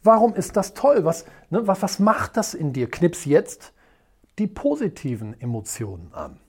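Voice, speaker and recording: This whiteboard motivational lesson features a coach whose mid-range voice is husky and measured in pace. Speaking with emphasis, the coach keeps returning to rhetorical questions and spins stories with dramatic energy.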